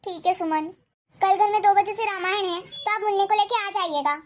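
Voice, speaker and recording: A woman voicing a gentle widowed grandmother in a cartoon, speaking in a soft, pleading and tender way. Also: very high voice, moderate pace. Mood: sorrowful. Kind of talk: cartoon voice acting.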